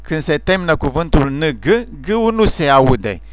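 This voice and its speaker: A man calmly teaching English pronunciation sounds, speaking slowly and carefully as in a scripted lesson. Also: a little high, clean tone, no echo. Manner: slow, careful, explanatory delivery. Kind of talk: scripted instructional narration.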